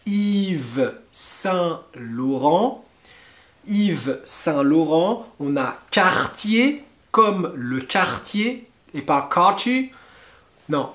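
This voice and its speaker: Very slow, deliberate male French teacher. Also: on the high side, roomy sound. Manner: slow, deliberate pronunciation, repeats each word. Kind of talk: pronunciation lesson.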